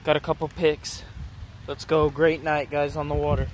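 Holding his phone at a city pond's edge, a young man chats to viewers about the fish he's caught. His voice is a little high and level-toned at a moderate pace. A little hiss or hum comes through.

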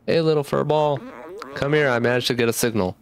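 A man's voice: mid-range voice, brisk, natural voice. A man voicing a hopeful, earnest small robot companion, reading game lines aloud in a raised voice.

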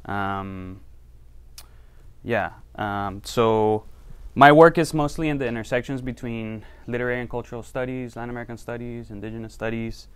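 A man from Costa Rica, a university researcher, presents his work to a small audience in a lecture room, keeping it loose and conversational with plenty of fillers. His mid-range voice is clear and resonant, with fairly even intonation at a normal speed.

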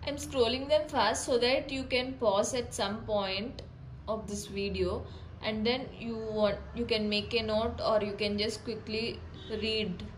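A woman's voice: on the high side, steady tone, a little slow, slight background noise, rough recording. A young woman, explaining exam notes in a casual lesson with examples and frequent restarts. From India. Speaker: tutor.

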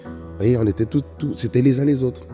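A man's voice: mid-range voice, fairly quick, dark tone. A man preaching a sermon in an emphatic way, often calling out to his brothers and sisters. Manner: emphatic, repeats "vous voyez, frères et sœurs". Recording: long reverb with faint music.

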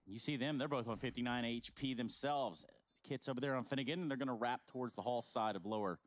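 A man bantering playfully on an esports broadcast during a pause, joking and easygoing. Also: medium pitch. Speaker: esports commentator.

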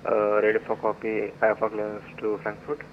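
Low-voiced male pilot over the radio. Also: completely flat delivery. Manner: measured, with brief hesitations. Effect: heard over an aviation radio. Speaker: airline pilot calling ground control. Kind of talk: radio phraseology. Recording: dull radio audio with faint hiss.

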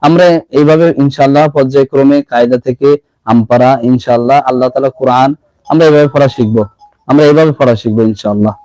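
Man spelling out Quran letters slowly. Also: mid-range voice, warm tone, no room sound, low-quality recording. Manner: slow, drawn-out syllable-by-syllable spelling. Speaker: Quran reading teacher. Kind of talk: live-streamed spelling lesson.

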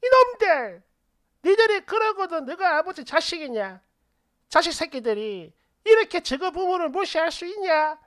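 A woman voicing a grandmother over ninety who yells at her grown children in a story read aloud. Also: very high-pitched, big pitch swings, moderate pace, voice pushed up, heavily acted. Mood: angry yelling. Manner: yelling, reproachful.

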